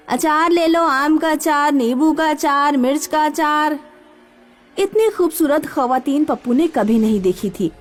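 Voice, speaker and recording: A woman telling a scripted horror story in a lively, expressive way. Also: high voice.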